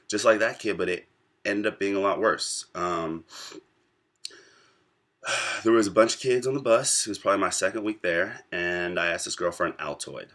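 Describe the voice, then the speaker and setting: A male vlogger in his twenties from the United States tells a personal story casually to camera, speaking straight to his viewers. His low voice has a forceful edge, and he pauses often between thoughts while working out what to say.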